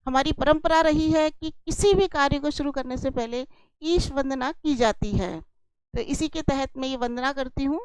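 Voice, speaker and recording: A woman teaching a Sanskrit lesson in a slow, deliberate way, patiently repeating each example and explaining it. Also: high voice, darkish tone, dry recording, poor audio.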